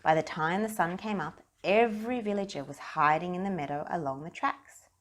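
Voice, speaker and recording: Reading from a children's storybook, a woman narrates with plenty of expression in a lowish voice and at an unhurried, moderate speed.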